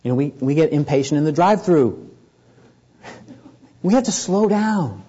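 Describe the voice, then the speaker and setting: Husky-voiced man preaching a sermon. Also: expressive, normal speed, warm tone, highs cut off. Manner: earnest, rising in pitch and volume for emphasis. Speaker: pastor.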